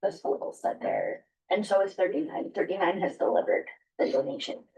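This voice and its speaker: A woman's voice: medium pitch, lively intonation, normal speed, mellow. Casual woman speaking at a distance. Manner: casual, loose phrasing. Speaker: council member. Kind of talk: meeting discussion. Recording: distant muffled mic.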